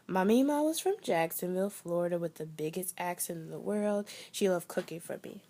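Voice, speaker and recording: A young woman telling a performed personal story with wry humor, swinging between loud bursts and near whispers. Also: fairly low pitch, a little fast.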